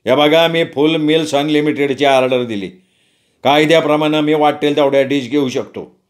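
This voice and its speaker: A man's voice: fairly high pitch, steady tone, normal speed, lightly acted. Brief: male reader as greedy young eater, blunt and insistent. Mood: demanding. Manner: blunt, demanding.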